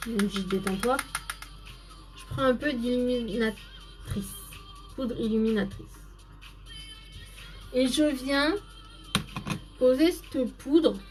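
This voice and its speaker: A woman's voice: a little high, a little mellow. A woman hosting a casual live makeup stream, chatting to viewers by name and explaining each step as she goes.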